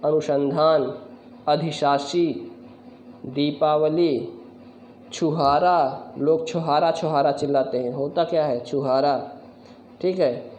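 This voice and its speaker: A man's voice: on the high side, steady tone, measured pace, darkish tone, muffled recording. A man teaching correct Hindi spelling, going word by word and correcting common mistakes, often addressing viewers as friend. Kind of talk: spelling lesson to camera. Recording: echoey room, faint background noise.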